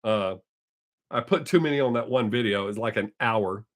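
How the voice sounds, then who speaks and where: This live stream host is an older man with a drawl and a lowish voice at normal speed, still not quite recovered. He chats casually with viewers, rambling and correcting himself along the way.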